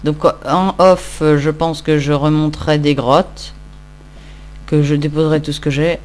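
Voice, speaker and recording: A Minecraft let's-play host who has just woken up and is tired rambles through casual, self-mocking commentary as he plays. His voice is a little high, his tone level, and he speaks a little slowly.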